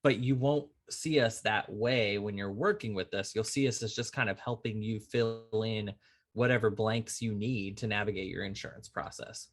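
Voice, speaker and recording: Animated male lawyer telling stories. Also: on the low side, moderate pace. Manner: animated storyteller who acts out quoted dialogue. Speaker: insurance attorney, guest. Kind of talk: conversational podcast interview.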